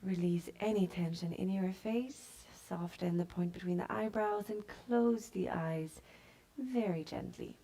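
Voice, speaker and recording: A woman yoga teacher guiding a class with slow, soft-spoken calm cues that sometimes drop to a breathy near-whisper. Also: fairly low pitch. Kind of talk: guided yoga instruction.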